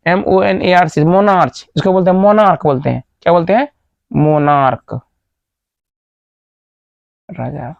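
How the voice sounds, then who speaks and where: Gravelly man spelling out words. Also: high-pitched, darkish tone, no echo. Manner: repetitive, spells words letter by letter; asks the class questions, then answers them. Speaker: teacher. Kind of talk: spoken grammar lesson. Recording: dull lo-fi dry recording.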